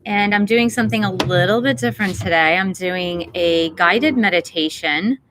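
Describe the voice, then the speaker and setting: A woman hosting a livestream, talking gently and unhurriedly before leading a guided meditation and greeting viewers in the chat. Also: fairly low pitch, normal speed, background noise. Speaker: meditation teacher and channel host.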